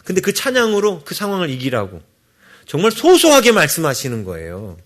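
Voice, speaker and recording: A man preaching a sermon as pastor, with an animated delivery that keeps asking the congregation to agree. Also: fairly high pitch, brisk. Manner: animated, acts out quoted voices, asks the congregation for agreement.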